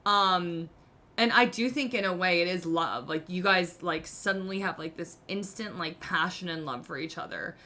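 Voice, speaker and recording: A woman in her thirties hosts a podcast, offering frank relationship advice in a casual, self-mocking style packed with "like." Her voice is lowish, bright and forceful, at a moderate pace.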